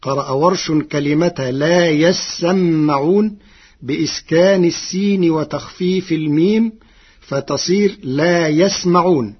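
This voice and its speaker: Male recitation teacher, scripted explanatory read, very slow and precise, slightly high husky voice. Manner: formal, measured and precise. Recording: dull lo-fi recording.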